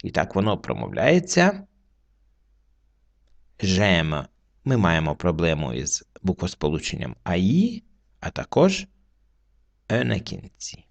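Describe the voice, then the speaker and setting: Gravelly low-voiced male teacher. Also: huge pitch swings. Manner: slow, patient explaining with pauses. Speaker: French teacher. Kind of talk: word-by-word reading lesson.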